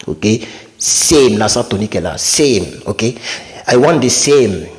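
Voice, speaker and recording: A man's voice: lowish voice, lively intonation, unhurried. A man teaching vocabulary in a casual, chatty way, repeating words and correcting himself as he goes. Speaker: English teacher.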